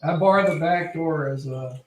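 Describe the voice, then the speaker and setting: A man's voice: on the high side, unhurried, recorded from a distance. A man chatting casually as a player in a tabletop game. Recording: echoey room, off mic, noisy, birds.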